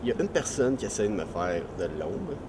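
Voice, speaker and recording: A man's voice: on the low side, very animated, a little fast, background noise. A young man with a Quebec French accent, playing a boastful self-made urban bowling champion in a mockumentary interview. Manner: boastful, cocky, rambling. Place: outdoors in a city plaza.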